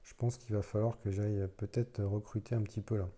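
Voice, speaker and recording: A man's voice: fairly low pitch, level tone, a little fast, mellow. A man casually playing a solo board game, thinking aloud as he explains the rules, with self-deprecating asides.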